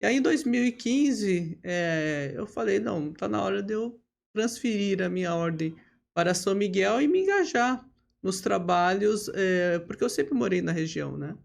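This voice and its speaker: Gravelly-voiced São woman in her fifties. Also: mid-range voice, normal speed. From Brazil. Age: 50s. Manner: steady, with frequent tag questions and hesitation fillers. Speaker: lawyer and bar association leader, podcast guest. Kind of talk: relaxed interview storytelling.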